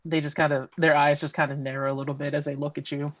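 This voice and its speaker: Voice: medium pitch, little pitch movement, fast talker, dry recording. A game master narrating a tabletop role-playing game in a casual, conversational storytelling manner.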